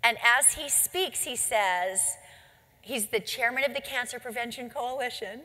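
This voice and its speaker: A woman's voice: fairly high pitch, measured pace, sharp tone, big-room sound. A woman giving a motivational talk as a company founder, telling stories emphatically and asking rhetorical questions. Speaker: company founder speaking to distributors.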